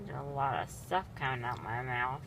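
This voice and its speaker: A woman's voice: very deep voice, moderate pace, vocal fry, husky. A young woman, groggy and loopy from anesthesia, chatting casually and ramblingly with a numb, mumbling mouth. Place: inside a moving car. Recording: loud car road noise.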